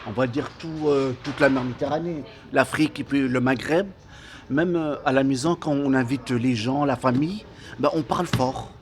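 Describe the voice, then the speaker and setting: A man from North Africa in casual café conversation, mostly agreeing with short replies. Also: mid-range voice. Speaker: guest. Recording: crowd noise of a fast-food restaurant.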